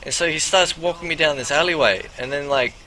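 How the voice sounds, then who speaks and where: Guy putting on a loudmouth pimp character, rambling and profane, tense bright edge. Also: fairly high pitch, fairly quick, slight background noise. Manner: swaggering, profane, rambling storyteller. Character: boastful swaggering male pimp character. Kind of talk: in-character game role-play monologue.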